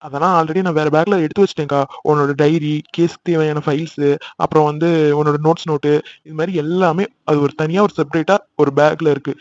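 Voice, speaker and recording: A man's voice: on the high side, fairly even intonation, fast, no room sound, muffled recording, natural voice. A man voicing a young brother who bickers with his sisters in a cartoon, exasperated and chatty. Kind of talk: cartoon voice acting.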